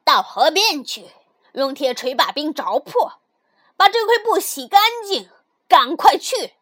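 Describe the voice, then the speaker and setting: A woman voicing a cruel, spiteful stepmother who gives sharp orders in a storybook reading. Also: high voice, very animated, measured pace, full character voice. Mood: commanding. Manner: sharp, commanding, muttering spitefully.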